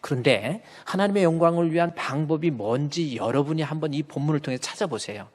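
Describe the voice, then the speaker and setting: A man preaching a sermon as pastor, talking conversationally and acting out short quoted lines, swinging between loud jabs and soft intimate asides. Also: fairly high pitch, animated, brisk. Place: church sanctuary. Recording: long church reverb.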